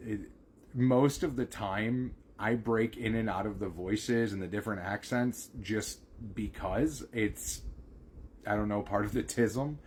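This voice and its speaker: A man with a fairly low voice chatting casually on a live stream. He rambles, filling his pauses with lots of ums, while a faint hum of background noise runs under everything.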